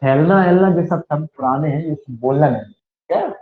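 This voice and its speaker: A man's voice: a little high, moderate pace. A man with a western Uttar Pradesh Hindi accent teaching a maths class, quizzing his students and repeating the key points. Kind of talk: classroom lecture. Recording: echoey, dull lo-fi classroom recording.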